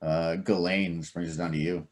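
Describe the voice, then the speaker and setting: A man narrating as game master of a tabletop game, animated and full of fillers and laughs. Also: low-pitched, normal speed.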